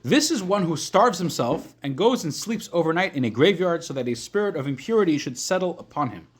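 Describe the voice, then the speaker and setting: A man teaching an informal religious class as a rabbi, reading texts and explaining them step by step, often rephrasing as he goes, in a slightly husky voice. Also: fairly high pitch, animated. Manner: explanatory, repeats and rephrases points, halting at times.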